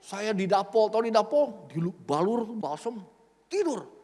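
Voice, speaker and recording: A man in his fifties preaches from the pulpit with a high voice, telling stories from his own life. He acts out the people in them, moving from near-shouts to quiet asides. His voice rings with the long reverb of a large church hall. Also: big pitch swings, unhurried. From Indonesia. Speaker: pastor. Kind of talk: sermon with personal stories.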